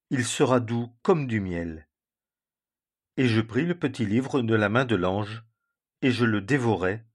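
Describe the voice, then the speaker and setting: A man slowly reading scripture aloud and commenting on it in a measured, solemn way. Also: mid-range voice. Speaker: Bible teacher.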